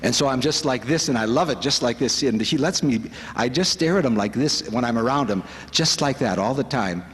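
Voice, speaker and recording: A man's voice: mid-range voice, lively intonation, a little fast, few pauses. A man giving an earnest, reflective devotional talk at a spiritual retreat, telling stories to the audience. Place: conference hall. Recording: long hall reverb.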